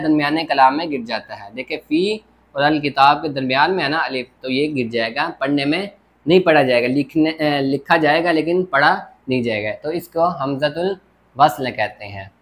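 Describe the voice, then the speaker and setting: A man's voice: a little high, a bit bright. A man teaching a grammar lesson at a board, explaining step by step and often checking with "theek ho gaya". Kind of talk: classroom lecture at a board.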